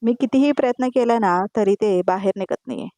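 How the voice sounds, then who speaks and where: A woman's voice: fairly high pitch, fairly quick, warm tone, dry recording, natural voice. A woman voicing an easygoing young husband in a serial recap, asking hesitantly and politely in a dry sound.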